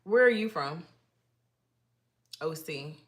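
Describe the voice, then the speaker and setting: Her voice sits low with lively intonation, and she takes it slowly. She's a middle-aged livestream host from Massachusetts, United States, chatting casually with viewers in a shy, rambling way with many restarts.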